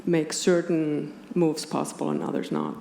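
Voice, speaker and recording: Speaking at normal speed in a deep, dark and gravelly voice, an Icelandic woman lectures with great animation in a roomy space. As an academic philosopher, she presents a partly scripted talk to a conference-room audience, and the hall's background noise comes through clearly.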